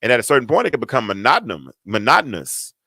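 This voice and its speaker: A middle-aged talk show host tells his audience a story in a deep, stentorious voice that is bright and forceful. He's emphatic and fast, his pitch swoops wildly, and he repeats words for effect and drops in folksy asides. The sound is close and dry, with no echo.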